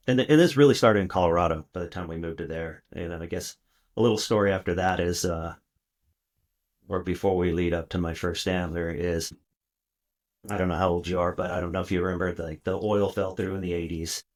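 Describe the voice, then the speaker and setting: A man's voice: low voice, a little fast. A middle-aged man from South Texas, a podcast guest telling casual, rambling stories with many fillers and restarts. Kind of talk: casual storytelling interview.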